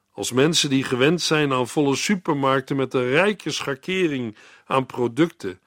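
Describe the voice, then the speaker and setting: A man's voice: mid-range voice, no room sound, studio quality. Earnest male radio Bible teacher. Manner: measured, earnest, addresses the listener. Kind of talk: Bible reading and devotional commentary.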